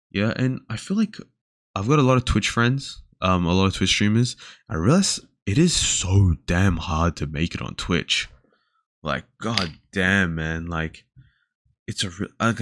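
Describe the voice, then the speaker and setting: Deep-voiced rambling Australian man. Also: fairly bright tone, dry recording, clean studio sound. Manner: rambling, filler-heavy, often trails off. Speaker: podcast host. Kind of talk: casual solo podcast monologue. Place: indoors talking alone to a camera.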